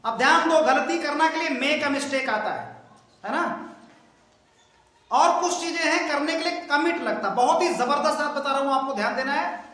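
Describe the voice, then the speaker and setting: A man teaching a class, with a high, bright voice. He drills the students in call-and-response, echoes back their answers and sounds words out slowly, syllable by syllable. His voice bounces around a very echoey classroom. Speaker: English teacher.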